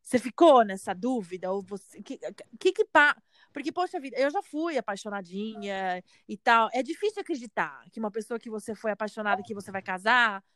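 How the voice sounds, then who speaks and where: Emphatic woman interviewer, fairly high voice. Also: lively intonation, a little fast, fairly bright tone, no echo. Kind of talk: conversational interview.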